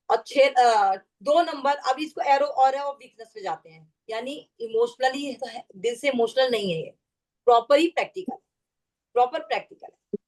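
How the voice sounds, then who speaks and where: A woman teaching a numerology class over a video call, explaining at length and often checking that her students follow. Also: sits high. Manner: explanatory, keeps checking understanding with questions. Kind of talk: online class lecture.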